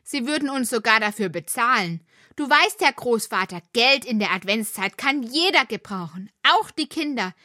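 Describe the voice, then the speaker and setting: A woman's voice: on the high side, lively intonation, normal speed, bright, forceful tone, dry recording, clean studio sound. A woman voicing a talkative, curious young worm child in a children's audio drama. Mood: eager.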